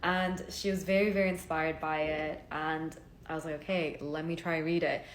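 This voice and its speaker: This is a casual talking-to-camera story from a twenty-something Hong Kong woman at home, earnest and full of fillers. She speaks at normal speed in a low voice with little pitch movement. There's a faint hiss or hum.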